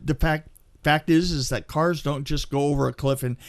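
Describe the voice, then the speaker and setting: A film crew veteran with a slightly high voice tells anecdotes on a podcast. His manner is easygoing and lively, though he stumbles and pauses along the way.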